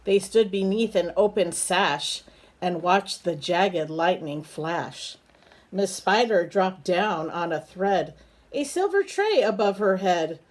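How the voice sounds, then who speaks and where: Her voice sits fairly low and sounds animated as she reads a picture book meant for children. She goes slowly, pausing to chat with a small bird and coax it with simple questions.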